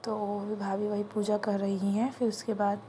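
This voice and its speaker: A woman's voice: medium pitch, little pitch movement, normal speed, warm tone, a little hiss or hum. A young woman vlogger who chattily explains the steps of a home puja ceremony, speaking into her phone at an indoor gathering. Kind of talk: casual vlog narration.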